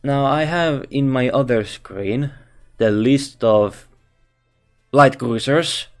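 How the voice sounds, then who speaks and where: Speaking English as a second language with a Finnish accent, a man gives casual game commentary at medium pitch. He goes slowly and haltingly, restarting sentences and thinking out loud while faint music plays in the background.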